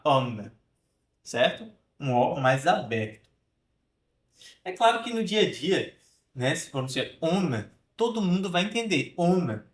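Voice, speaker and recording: A man's voice: fairly high pitch, a bit bright, reverberant. A man teaching French pronunciation, drilling sounds and checking in with "né?" and "tá?". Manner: explanatory, drills sounds slowly, frequent "né?" and "tá?" check-ins. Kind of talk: online pronunciation lesson.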